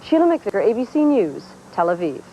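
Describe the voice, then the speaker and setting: A woman's voice: mid-range voice, very animated, brisk, a little hiss or hum. A woman narrating a scripted news report as a foreign correspondent. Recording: slightly dull broadcast audio.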